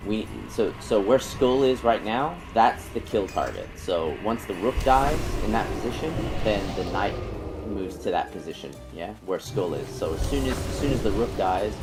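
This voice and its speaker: A man's voice: low voice, rough recording. A man leading a game raid over voice chat, explaining positions in a rambling way with many fillers and restarts. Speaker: raid leader.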